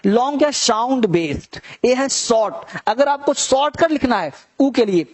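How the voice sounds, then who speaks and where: Man, high voice, English teacher, classroom spelling lesson, mixes Hindi and English, repeats words slowly. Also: lively intonation. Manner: mixes Hindi with English phrases, calls students "beta".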